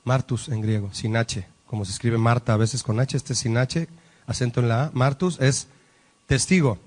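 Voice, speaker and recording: A man's voice: medium pitch, moderate pace. A man preaching a Bible-study sermon, emphatic and asking the congregation rhetorical questions. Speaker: pastor. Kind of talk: sermon teaching.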